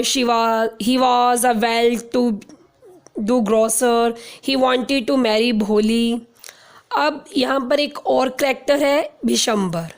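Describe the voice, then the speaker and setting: A young woman teacher, her voice pitched a touch high. She reads each line at a very slow, dictation-like pace, then explains it more quickly in Hindi. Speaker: teacher explaining a school chapter.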